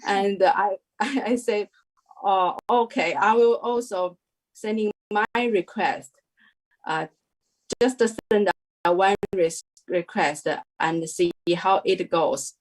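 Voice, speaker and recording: Young woman, slow and hesitant testimony, lots of ums. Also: mid-range voice, low-quality recording. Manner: hesitant, many fillers and restarts. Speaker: devotee sharing a testimony. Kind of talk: casual spoken testimony.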